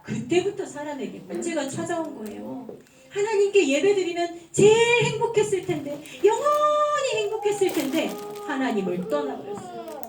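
A young woman gives a children's sermon in a church hall, storytelling with animated acted voices. Her voice sits high. The sound is roomy and echoey, and she is heard from some way off the mic. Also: far from the mic. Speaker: children's pastor.

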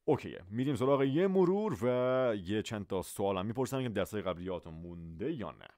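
Persian guy teaching english words, says the phrases slow and repeats them, super lively pitch. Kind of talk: vocabulary lesson.

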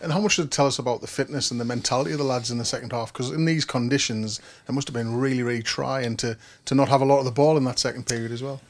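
A man asks a football manager prepared questions after a match, for the club's own channel. He speaks quickly and briskly, moving from one question to the next. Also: mid-range voice, fairly even intonation. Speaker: club media interviewer. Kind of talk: post-match interview questions.

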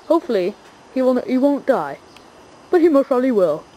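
A woman doing excitable mock-announcer commentary on a home video, breaking into frequent shrieks. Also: high voice, a little fast, a little hiss or hum, low-quality recording. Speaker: stunt commentator.

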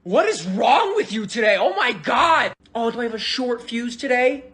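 Woman doing a short hot-tempered character, indignant, snappy, highish voice, very lively pitch. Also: normal speed. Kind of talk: fan-made comedy voice acting.

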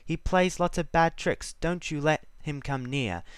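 A worried little girl from a storybook, read out by a man in his own voice, giving an anxious warning. The voice is fairly high for a man and plainly read rather than changed. It is recorded dry and close, with no room echo. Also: a little slow, clear, resonant tone, close to an everyday voice.

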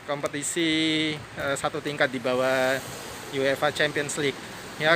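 A man in his thirties vlogs while walking outside a stadium, holding his phone at arm's length and thinking out loud with plenty of fillers. His voice is on the high side, bright and forceful. The noisy phone recording picks up street ambience and passing cars.

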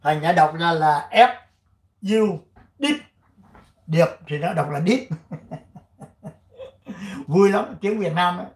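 An older man from Vietnam hosting his channel, chatting casually and reading an article aloud, rambling with many fillers and frequent throat clearing. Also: sits high, takes it slowly, pauses often, roomy sound. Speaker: channel host.

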